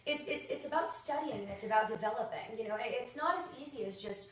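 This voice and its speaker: A woman's voice: fairly high pitch, fast. A woman acting coach chatting casually and earnestly about her craft. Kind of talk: casual chat. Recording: echoey room from far off.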